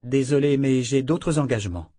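A man voicing a calm, quietly menacing young woman traveler. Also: mid-range voice, no room sound, studio quality, close to an everyday voice. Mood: cool. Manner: slow and cool.

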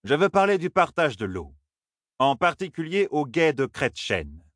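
Guy doing a cold sharp chief, calm measured talk, husky. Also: fairly high pitch, no echo, studio quality, voice pushed up, exaggerated voice. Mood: calculating.

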